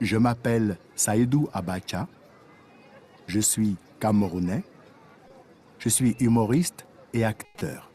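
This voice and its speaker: A man voicing an easygoing comedian and actor in a slow, clear textbook dialogue. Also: lowish voice, animated, warm tone, a little hiss or hum, heavily acted. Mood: calm. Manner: slow, deliberate textbook delivery. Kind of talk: scripted textbook audio dialogue.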